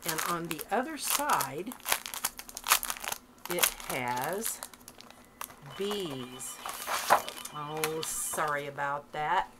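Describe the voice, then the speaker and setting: A woman's voice: low voice, animated, very slow, long pauses, very noisy. A middle-aged woman vlogging from home, chatting eagerly about her crafting finds and laughing often. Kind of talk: casual show-and-tell vlog.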